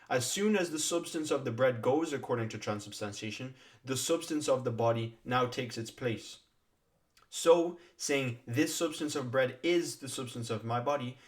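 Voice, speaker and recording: A man works through a written passage line by line, reading a bit and then unpacking it. His voice sits in an ordinary middle register, and he thinks aloud, backing up to restart phrases and hitting key words with extra stress. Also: mid-range voice. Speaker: theology commentator. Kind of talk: reading and explaining a text.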